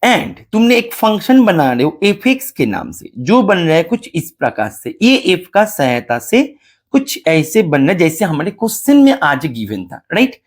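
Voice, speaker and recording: A lively math teacher with a fairly high voice works through an exam solution at a moderate pace. He explains step by step, calls his students "beta," and mixes in English terms.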